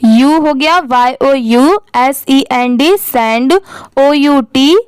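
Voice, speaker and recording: High-voiced woman teaching slowly. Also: no room sound. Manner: spells words letter by letter, then blends the parts; asks the class questions and answers them herself. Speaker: English reading teacher. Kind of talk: step-by-step spelling lesson.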